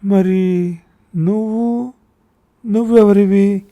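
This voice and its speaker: A man voicing a gentle, forgetful mother past eighty, with slow, wavering speech full of confused questions. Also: high-pitched, steady tone, voice pushed up, heavily acted. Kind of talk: audiobook story reading.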